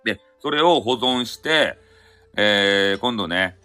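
Soft music plays behind a Hakata-dialect host running a relaxed solo live audio stream, where he rambles, corrects himself and chuckles along the way. His lowish voice is bright and forceful, animated but slow-paced.

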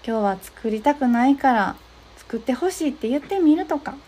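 A young woman hosting an advice talk, explaining steps gently with frequent soft agreeing fillers. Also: high-pitched, lively intonation, normal speed, slightly rough. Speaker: podcast host giving advice to therapists.

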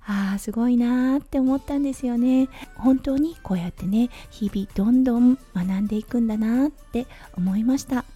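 A woman in her thirties hosts her own podcast, telling everyday stories in a gentle, chatty flow with soft fillers. Her voice sits a bit high, but it sounds very dark and husky. Faint music plays quietly behind her. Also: fairly quick, hardly any pauses. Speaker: podcast host. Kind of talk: casual solo talk radio.

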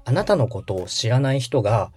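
Over background music, a man hosting a podcast gives polite, step-by-step how-to explanations. He talks a little fast in a sing-song, mid-range voice with a darkish tone and a breathy edge.

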